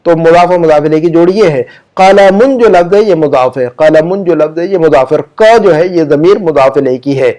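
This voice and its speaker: With an Urdu-speaking accent, this man gives a patient online grammar lesson, slowly repeating example sentences and putting questions to his students. His pitch is on the high side and his tone is warm.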